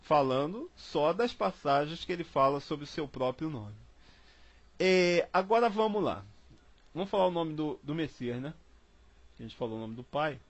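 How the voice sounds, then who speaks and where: A man's voice: a little high, expressive, moderate pace, dull audio. A man from Brazil leading an informal Bible study, chatty and repetitive, spelling words out letter by letter. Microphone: online call.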